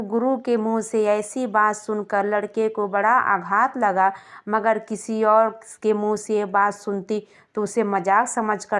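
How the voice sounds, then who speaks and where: A woman narrating a scripted moral story in a calm, gentle manner. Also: medium pitch. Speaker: storyteller of moral stories for a channel.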